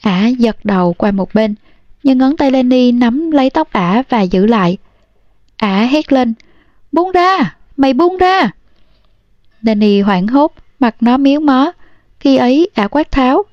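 A woman narrates a novel in a calm, measured way. Her voice sits slightly high. The recording is dull and dry, with no room sound. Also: dry recording. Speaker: audiobook narrator. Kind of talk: storybook narration.

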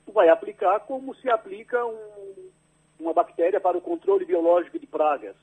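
The radio host hears from a male agricultural researcher on a landline who explains his research patiently and with care, frequently finishing with a questioning "right?". His voice is high, animated, darkish and slightly rough, at a moderate pace, and the recording is rough.

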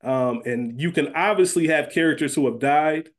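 This podcast co-host has a voice on the high side and a moderate pace. He's casually discussing a TV series, explaining things in an informal, conversational manner.

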